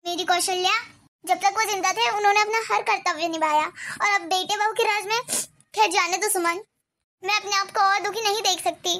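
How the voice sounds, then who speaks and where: Woman doing a sad sweet cartoon granny, high bright voice, soft and pleading. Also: fairly even intonation, normal speed. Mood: sorrowful. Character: gentle widowed grandmother, sad and patient. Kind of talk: cartoon voice acting.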